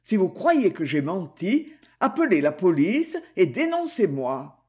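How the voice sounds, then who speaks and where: A woman's voice: lowish voice, big pitch swings, a little mellow. Woman reading a firm hunted taxi driver. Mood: earnest firm. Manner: measured and firm. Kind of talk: audiobook character voice.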